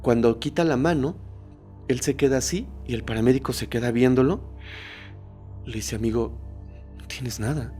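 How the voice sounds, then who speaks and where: A man hosting a horror podcast, telling a story in a suspenseful way, dropping to a hush and rising again. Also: mid-range voice, moderate pace, long pauses, soft background music. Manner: suspenseful, shifts between hushed and raised tones.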